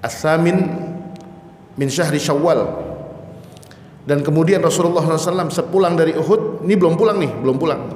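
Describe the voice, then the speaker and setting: A male preacher giving an Islamic study lecture, telling the story with animation and acting out shouted quotes. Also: a little high, brisk, pauses often, slight background noise. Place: mosque hall. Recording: echoey mosque hall.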